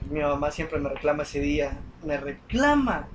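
A man's voice: a little high, big pitch swings, normal speed, noisy background. A young man telling a story in casual chat, with many fillers and restarts. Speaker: podcast co-host.

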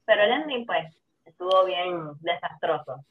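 A woman's voice: lowish voice, animated, moderate pace, slight background noise. Spanglish-speaking woman, phone-like sound. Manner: Spanglish, mixing English words into Spanish. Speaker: panelist in a film discussion. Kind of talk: casual chat, film review. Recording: thin, phone-like, roomy sound.

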